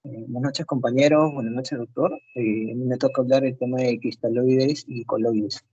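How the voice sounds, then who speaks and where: A man's voice: mid-range voice, steady tone, moderate pace, mellow, dry recording. A man presenting a class lesson over a video call, hesitant with many fillers and restarts. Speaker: medical student presenting. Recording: dull, dry, husky online call audio.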